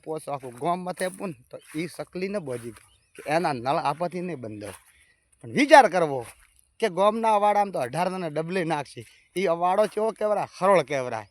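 A man's voice: fairly high pitch, no echo. A man giving a folk moral sermon. He talks in emphatic, repeated phrases and addresses his listeners as brothers.

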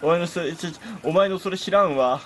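A man's voice: high voice, fast, slight background noise, poor audio. A man commentating a horror game, jumpy and chatty, bickering with the game. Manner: jumpy, talks back at the game with jokes and complaints.

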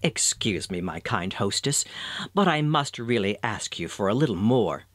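Quicksilver, a sly young god voiced by a man. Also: fairly low pitch, sing-song, a bit bright, no echo. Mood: playful. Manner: playful, coaxing. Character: mischievous young male traveler god.

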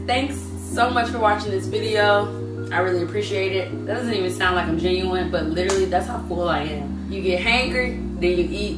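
A young woman in her twenties chatting playfully and slangily while she cooks in her home kitchen, recorded by a camera across the counter. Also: mid-range voice. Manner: chatty, playful, slangy, sing-song asides. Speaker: cooking vlogger. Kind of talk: casual cooking vlog chat. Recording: roomy kitchen audio from a distance, music behind. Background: loud background music.

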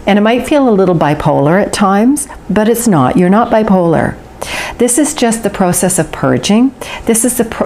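A woman's voice: lowish voice, a little mellow, a little hiss or hum. A woman giving an intuitive tarot reading to the viewer, talking in a flowing, earnest way and drawing out words for emphasis. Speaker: tarot reader.

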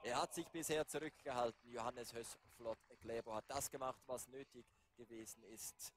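A man doing live race commentary, building to excited calls near the finish. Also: mid-range voice, normal speed. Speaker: sports commentator.

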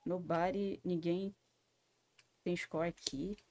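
Brazilian woman, gaming streamer, lowish voice, jumpy and cursing. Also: steady tone, takes it slowly, darkish tone. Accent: Brazilian Portuguese. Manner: jumpy and scared, swearing often, talking to herself. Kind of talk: live gaming commentary.

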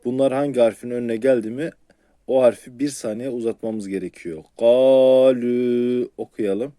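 A man teaching Quran reading in a patient, step-by-step lesson. He repeats syllables slowly, asks his viewers questions and answers them himself. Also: mid-range voice, mellow, dry recording, studio quality.

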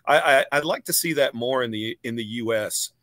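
A fifty-something male musician hosts an informal interview on a video call from his home, thinking out loud in long, rambling sentences with many fillers and restarts. He speaks thoughtfully at a moderate pace in a medium-pitched, slightly bright voice. Though recorded via webcam indoors, the sound is dry and studio quality.

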